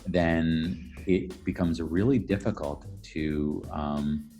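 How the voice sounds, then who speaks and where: An architectural historian and professor speaks in a slow, warm bass as an interview subject, explaining ideas thoughtfully and articulately while rephrasing along the way. Faint music plays behind him.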